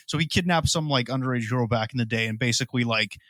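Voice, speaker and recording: A man's voice: mid-range voice, fast, fairly bright tone, no echo. A man co-hosting a podcast, chatting informally in casual banter with some swearing. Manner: informal, conversational. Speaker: podcast co-host.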